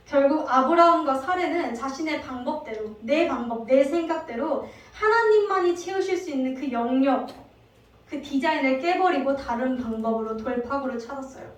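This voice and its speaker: A woman evangelist giving a sermon, telling the story lively and asking the congregation many questions. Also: high voice, normal speed. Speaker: evangelist preacher. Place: church sanctuary. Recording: very echoey hall, distant mic.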